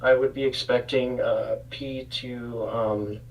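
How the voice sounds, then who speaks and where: A man co-hosting live severe weather coverage, talking casually and off the cuff in a halting, hesitant way. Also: medium pitch, little pitch movement, gravelly. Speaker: severe weather livestream co-host. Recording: distant mic.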